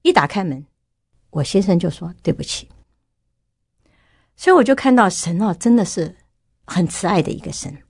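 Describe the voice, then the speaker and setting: A woman's voice: lowish voice, lively intonation, gravelly, a little mellow, breathy edge, no echo, clean studio sound. A middle-aged woman earnestly telling her personal faith testimony as a radio guest. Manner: quick, earnest storytelling.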